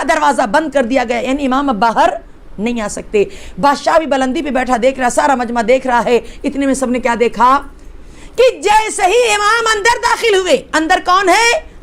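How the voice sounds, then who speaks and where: A woman religious scholar from Hyderabad telling a sacred story in a sermon, impassioned, dropping to a hush and then rising to exclamations, asking her listeners questions directly. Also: high voice. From Hyderabad, India. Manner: impassioned, swings between hushed and rising exclamations.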